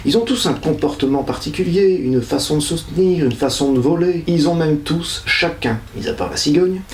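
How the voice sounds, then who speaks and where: A man's voice: a little high, expressive, moderate pace, a little mellow, slight background noise. A man hosting a nature video, explaining birdwatching in a playful, joking manner with lots of asides. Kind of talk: humorous educational vlog. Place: indoors. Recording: echoey room.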